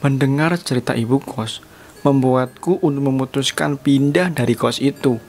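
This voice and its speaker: A man narrating a first-person horror story for a podcast in a plain, steady way. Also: mid-range voice, normal speed, slight background noise.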